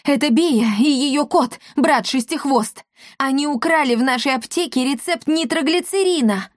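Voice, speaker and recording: A woman's voice: high-pitched, moderate pace, dry recording, clean studio sound, voice pushed up, lightly acted. A woman voicing a flustered, lovestruck young man who is out of breath. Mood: agitated.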